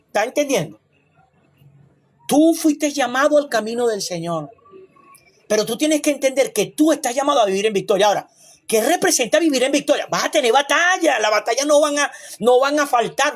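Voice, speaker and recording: A man's voice: very high voice, animated, fairly quick, fairly bright tone. A man preaching a sermon as a pastor, emphatic and repetitive, with rhetorical questions and asides.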